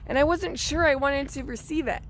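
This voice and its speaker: A woman vlogger, hoarse and raspy from seasonal laryngitis, chatting casually outdoors beside her car with a self-joking manner and many fillers. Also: high-pitched, a little fast, fairly bright tone, a little hiss or hum. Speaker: real estate vlogger. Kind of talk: casual vlog talk.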